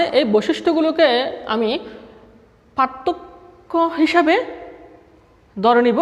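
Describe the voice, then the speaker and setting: Male teacher, reverberant room. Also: extremely high pitch. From Chittagong, Bangladesh. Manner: recites word lists item by item, asks and answers his own questions. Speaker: school teacher. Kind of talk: classroom lecture. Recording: long reverb of a hard room.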